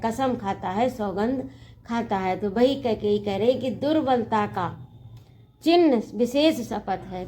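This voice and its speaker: A woman's voice: a little high, a little mellow. A woman teacher explaining a poem, reciting each line and then paraphrasing it in simple words. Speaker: Hindi teacher.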